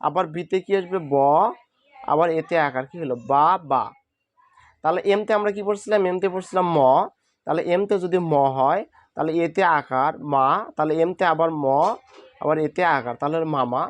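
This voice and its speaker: Patient male teacher, higher voice. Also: moderate pace, no room sound. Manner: patient, repeats questions and answers them himself. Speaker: English teacher. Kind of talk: spoken classroom lesson.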